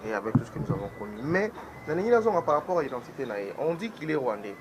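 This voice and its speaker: A man giving political commentary as a guest on a talk show, talking in an animated way and switching between French and Lingala. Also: mid-range voice, racing, slight background noise, rough recording.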